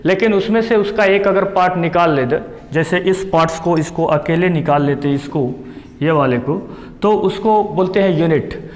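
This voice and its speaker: A man teaching a biology lesson, explaining a diagram step by step and repeating each term. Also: sits high. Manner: explains slowly, repeats terms, mixes English terms into Hindi. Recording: long hall reverb.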